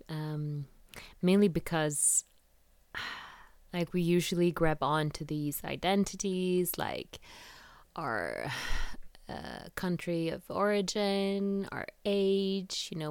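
Woman, Norwegian accent, low voice, unhurried, chatty podcast host, dry close sound. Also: animated, clean tone, no echo. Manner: chatty and rambling, with many fillers and light laughs. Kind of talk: casual solo podcast chat.

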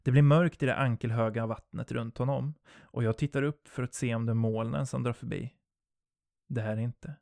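A man narrating a first-person horror story in a low, steady storytelling voice. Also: vocal fry, no echo, clean studio sound.

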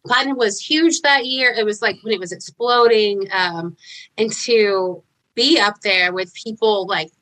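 A woman with a bright, forward voice talks as a hairstylist guest in a casual interview. She is chatty and effusive and leans on fillers as she speaks. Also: medium pitch, unhurried, rough recording.

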